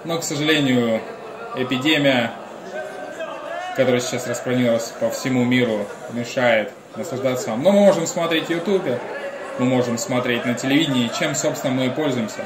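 A man's voice: mid-range voice, brisk, a crowd in the background. A man giving live commentary on a combat sports bout as the lead commentator. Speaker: fight commentator. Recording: roomy echo, music behind.

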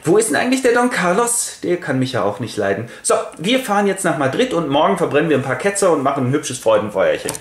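A man's voice: a little high, sing-song, quick pace, hardly any pauses, echoey room. A man doing a blunt, dismissive king. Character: gruff cynical middle-aged king.

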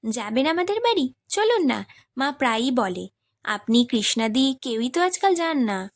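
A woman's voice: sits high, very animated, moderate pace, no room sound, clean studio sound. A woman voicing a playful, cheeky teenage girl in an audiobook. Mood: teasing.

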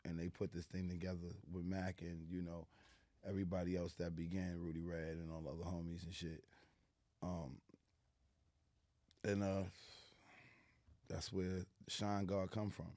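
A middle-aged New York man talks in a laid-back street manner, leaning on fillers. His voice sits very low with a dark, mellow tone. The sound is dry and close, from a studio boom mic. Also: flat delivery, moderate pace, long pauses, dry recording. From New York City. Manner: laid-back street talk with many "you know what I'm saying" fillers. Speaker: guest. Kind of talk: casual interview. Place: small studio lounge with plants, indoors. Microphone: studio mic on a boom arm.

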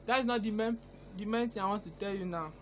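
A man's voice: sits high, fairly quick. A young man making a casual prank call, hesitant and stammering, recorded on a phone camera at arm's length. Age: young adult.

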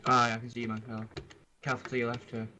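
A man's voice: medium pitch, little pitch movement, very fast. A man with a Scottish accent chatting casually while gaming, with slangy, matey street banter. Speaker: gamer. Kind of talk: casual chat over multiplayer game. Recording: clear keyboard clicking noise. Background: keyboard and clicking.

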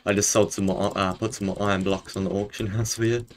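Low-voiced Kiwi bloke streaming. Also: male voice, little pitch movement, quick pace, gravelly. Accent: broad New Zealand. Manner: laid-back, matey, says bro often. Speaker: game streamer. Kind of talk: casual live-stream chat while gaming. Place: bedroom, indoors.

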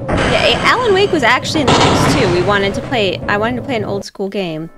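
A woman's voice: on the high side, big pitch swings, brisk, over loud music. A woman streaming a game with chatty, joking commentary. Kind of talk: casual let's-play commentary.

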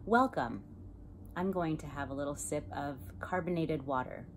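A woman hosting a mukbang video, chatting playfully and joking between bites, sometimes dropping into soft whispery asides. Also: low-pitched, normal speed, background noise. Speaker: host. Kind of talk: casual mukbang chat while eating.

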